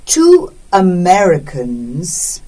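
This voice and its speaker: A woman teacher reading a text aloud as a dictation in deliberate short phrases, speaking the punctuation. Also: lowish voice, huge pitch swings, mellow, recorded from a distance, rough recording.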